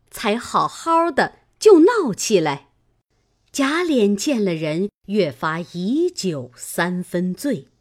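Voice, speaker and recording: A woman reading a classic novel aloud as an audiobook narrator, with expressive, dramatic storytelling. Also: medium pitch.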